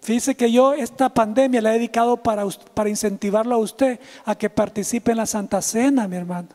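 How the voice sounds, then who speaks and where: A male pastor, preaching a livestreamed sermon in a lively, teasing way and calling out to chat viewers. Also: sits high, a little fast, long reverb tail.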